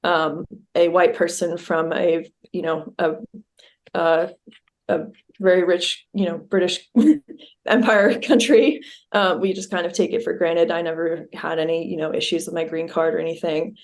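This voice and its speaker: A woman's voice: on the low side, level tone, normal speed. A young adult American woman, a guest on a podcast, chatting casually with lots of ums and easy laughter. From United States. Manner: easygoing, laughs often, many ums. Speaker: podcast guest, Olympic sailor. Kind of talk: casual chat.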